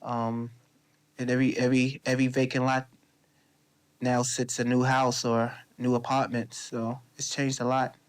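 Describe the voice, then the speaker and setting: A man's voice: medium pitch, completely flat delivery, normal speed, smooth. A thirty-year-old man, speaking plainly and matter-of-factly in a documentary interview. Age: 30s. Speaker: interviewee, local resident.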